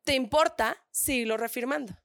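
Bright high-voiced northern Mexican woman. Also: moderate pace, vocal fry, dry recording. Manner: expressive, acts out inner voices with shifts of tone; addresses audience directly with frequent asides. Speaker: speaker at a women's talk. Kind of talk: motivational talk.

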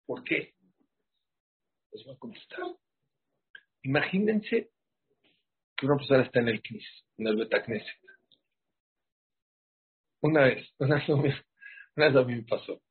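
A man's voice: mid-range voice, unhurried, pauses often, slightly rough. Emphatic man preaching, lo-fi sound. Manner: rhetorical questions, animated and emphatic. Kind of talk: sermon. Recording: muffled lo-fi sound.

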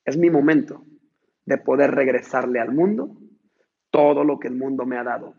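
A humble old ranch hand past sixty, put on by a man telling a story. He speaks with calm respect, his voice husky and gravelly. The recording is dull and lo-fi. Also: mid-range voice, moderate pace, pitched below the performer's own voice. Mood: humble, wise. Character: humble old male farmhand, over sixty.

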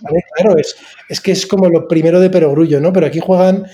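A man hosts a relaxed tech podcast. His voice sits a little high but sounds dark and mellow, and he talks loosely, stopping and restarting his sentences with plenty of fillers. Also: quick pace, slight background noise. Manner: chatty, hesitant, many fillers and restarts. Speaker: podcast host. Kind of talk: casual podcast chat.

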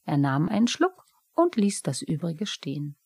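A woman reading a children's story aloud with a lively, expressive delivery. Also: sits low, a little slow, vocal fry, breathy edge, dry recording, studio quality. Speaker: narrator. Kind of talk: storybook narration.

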